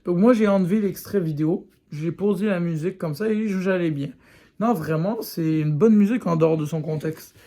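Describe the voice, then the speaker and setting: A man's voice: high-pitched, moderate pace, dark tone. A man giving a frank, casual video review, talking straight to his viewers with plenty of fillers. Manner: frank, addresses viewers directly as "les gars", lots of fillers. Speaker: YouTuber reviewing a series.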